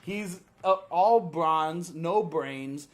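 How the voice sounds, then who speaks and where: A man's voice: on the high side, very slow. A tipsy man co-hosting a casual movie review, opinionated and swearing freely as he talks. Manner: tipsy, drunk. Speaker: drunk movie review co-host.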